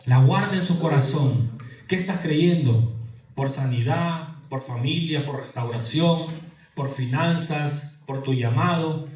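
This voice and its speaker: Man, pastor, sermon, call-and-response questions, high voice, distant roomy church sound. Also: takes it slowly, darkish tone. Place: church hall. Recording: echoey church hall from far off.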